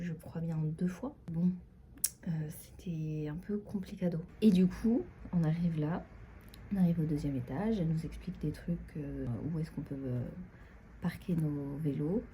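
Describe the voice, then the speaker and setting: Chatty young woman with a dark, mellow voice. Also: low-pitched, slight background noise. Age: young adult. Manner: chatty, rambling, frequent fillers and asides. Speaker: vlogger. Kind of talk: casual storytime chat.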